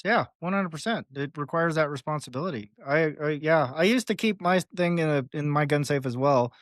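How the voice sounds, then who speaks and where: A young adult man hosting a casual podcast conversation, telling stories with lively acted-out quotes and frequent laughs. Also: on the high side, no echo, studio quality. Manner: animated storyteller, acts out quotes, laughs often. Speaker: podcast host.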